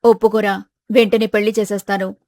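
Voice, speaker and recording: A woman's voice: medium pitch, flat delivery, a little fast, a little mellow, dry recording, lightly acted. A woman voicing a bossy, determined middle-aged mother in a storybook tale. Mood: insistent. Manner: insistent, scolding. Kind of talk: storybook voice acting.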